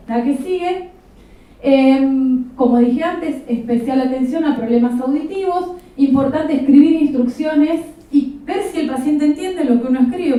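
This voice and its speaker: Speaking from far off in a very reverberant conference hall, a woman with an Argentine Rioplatense accent delivers a practical, explanatory talk with some humor. Her voice sits high and sounds warm.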